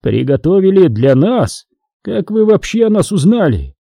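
A cruel, imperious Sith lord barks orders with cold arrogance, voiced by a male audiobook reader. His voice sits a little raised, with a husky grain. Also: high voice, very animated, a little slow, warm tone, dry recording, clean studio sound, voice pushed up, full character voice. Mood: commanding. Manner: imperious, commanding.

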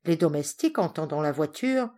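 Female audiobook reader, low, measured storybook narration. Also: expressive, mellow.

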